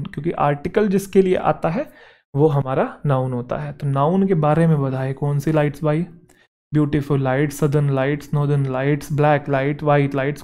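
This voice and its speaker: A male teacher giving a grammar lesson, who keeps asking the class quick check questions. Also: on the high side, mellow.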